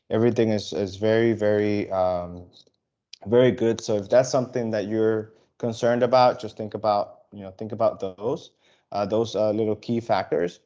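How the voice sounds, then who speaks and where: An airline sales rep from the Dominican Republic gives travel advisors a casual, halting presentation packed with fillers and restarts. His voice sits on the low side with a warm tone, and the recording is muffled.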